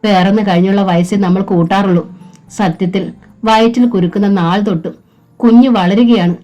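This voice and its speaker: A woman's voice: medium pitch, a little slow, mellow, soft background music, close to an everyday voice. A woman voicing a pleading young wife. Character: pleading young pregnant wife, gentle and desperate.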